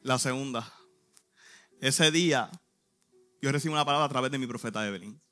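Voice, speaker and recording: A man's voice: mid-range voice, a little fast, pushed and bright, soft background music. A man, a youth pastor giving an earnest, emotional church testimony in short phrases. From Puerto Rico.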